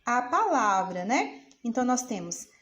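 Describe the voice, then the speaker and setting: A woman teacher giving a school lesson, drawing out words slowly and checking in with questions to the pupil. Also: a little high, very animated, a bit bright. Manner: slow, drawn-out syllables, repeats words aloud; asks the pupil questions, says "certo?". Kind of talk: recorded remote school lesson. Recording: roomy echo, faint music behind.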